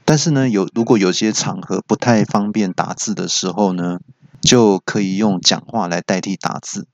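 A man's voice: fairly low pitch, dry recording. Man, comic storyteller podcast host, self-mocking, muffled dry recording. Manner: animated, self-mocking, quick anecdotes.

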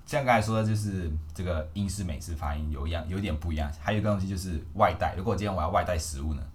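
A man's voice: sits low, rapid-fire, a little hiss or hum. A man from Malaysia hosting a podcast, chatting playfully and mixing in English phrases. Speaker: podcast host. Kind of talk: casual chat.

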